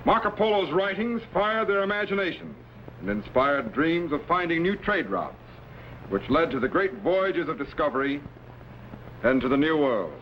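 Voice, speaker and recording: An actor playing a confident, knowing time-travelling captain and mentor in a vintage sci-fi serial, measured and authoritative. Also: male voice, on the high side, sing-song. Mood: instructive. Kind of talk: 1950s sci-fi serial acting. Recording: muffled, faintly noisy vintage soundtrack.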